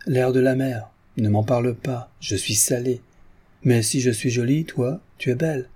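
A man's voice: medium pitch, fairly even intonation, normal speed, dark tone, slightly rough, close to an everyday voice. A man voicing a playful, chatty young woman. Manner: teasing, flighty chatter.

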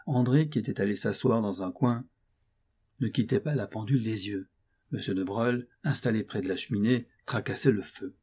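Male narrator reading a classic novel, dark and husky timbre, steady and expressive. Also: lowish voice, normal speed. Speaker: audiobook narrator. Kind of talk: scripted audiobook narration.

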